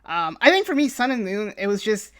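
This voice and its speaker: A woman's voice: mid-range voice, big pitch swings, brisk, fairly bright tone. A woman hosting a podcast in casual chat, talking loosely with many fillers and easy laughter. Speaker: podcast host.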